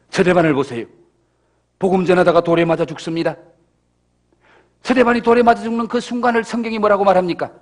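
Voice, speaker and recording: A male senior pastor preaching a sermon in a church, firing rhetorical questions at the congregation and swinging from loud emphasis to hushed, soft passages. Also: high-pitched. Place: church sanctuary.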